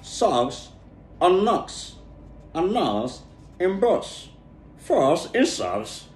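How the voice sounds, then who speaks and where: A Nigerian man, a native Igbo speaker with an Igbo accent who is learning English pronunciation, reads a tongue-twister storybook aloud haltingly, stumbling over and repeating words. His voice is high-pitched, sing-song and a little mellow. The room is echoey, with music in the background.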